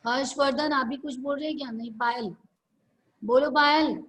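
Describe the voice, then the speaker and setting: A woman teacher dictating answers slowly in an online class over a video call, repeating each phrase for her students. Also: high voice, fairly even intonation, fairly bright tone, a little hiss or hum, low-quality recording. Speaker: school teacher.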